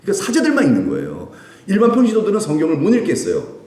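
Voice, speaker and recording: Man, pastor, sermon, lively swooping pitch, echoey sanctuary. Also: very fast. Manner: call-and-response preaching, acting out quoted voices. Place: church sanctuary. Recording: echoey church room.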